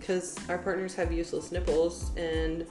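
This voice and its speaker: A young woman co-hosting a podcast, telling a story in a casual, profane, animated way, laughing often. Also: fairly low pitch, moderate pace, roomy sound, music in the background. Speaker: podcast co-host. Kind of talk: casual chat.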